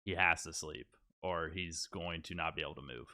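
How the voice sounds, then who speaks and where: Bright, clear-voiced man running a tabletop game. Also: rumbling low. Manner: halting, full of fillers and restarts. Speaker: dungeon master.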